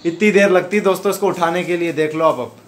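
A man's voice: high voice, fast talker, a little hiss or hum. A man vlogging at home on a handheld camera, coaxing and teasing his dog in a playful, chatty way. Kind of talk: casual pet vlog narration. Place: home, indoors.

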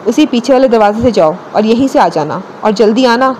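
A woman narrator voicing a brisk, caring sister-in-law giving instructions in an audiobook story. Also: a little high, lively intonation, a little mellow, a little hiss or hum, lightly acted, low-quality recording. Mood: firm.

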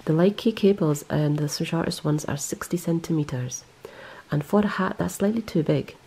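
A knitting vlogger with a deep, warm, slightly breathy voice talks at a normal speed in a casual show-and-tell. Indoors, the camera stays close on her hands and yarn as she rambles, corrects herself, and says "um" a lot.

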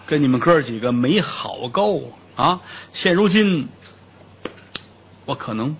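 A man's voice: a little high, very animated, unhurried, lo-fi sound, background noise. A man voicing a troubled, earnest middle-aged male outlaw in a spoken storytelling piece.

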